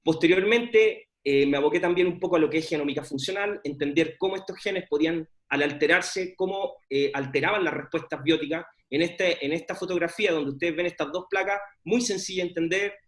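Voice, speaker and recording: A man's voice: a little high, fairly quick, few pauses, a bit bright. A middle-aged man, giving an informal presentation of his research with many fillers and restarts. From Chile. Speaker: scientist presenting his work.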